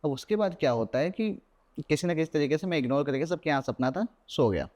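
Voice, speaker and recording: Slightly high-voiced young man telling a story. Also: fairly quick. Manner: animated storyteller, mixes English words into Hindi. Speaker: podcast guest. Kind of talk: recounting a personal horror story.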